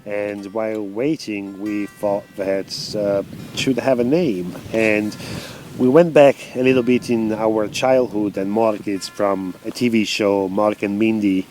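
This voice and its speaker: A man with an Italian accent, from Italy, speaking halting, simple English with many fillers in a casual interview outdoors by a camper van. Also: on the low side, fairly even intonation, a little mellow, soft background music. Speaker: interviewed traveler.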